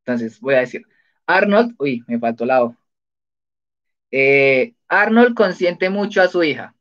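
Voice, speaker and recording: A livestream host leads a laid-back spelling quiz, chatting and laughing often while reading out the answers. His medium-pitched voice is expressive and a bit bright, delivered at a measured pace. The recording sounds dull and lo-fi.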